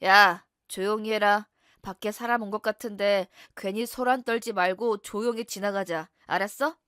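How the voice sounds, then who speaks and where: A woman's voice: medium pitch, fairly even intonation, moderate pace, fairly bright tone, no room sound, studio quality, close to an everyday voice. A woman voicing a young husband who bullies and threatens his wife, then turns fake-polite. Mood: menacing. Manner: threatening, then smooth and apologetic.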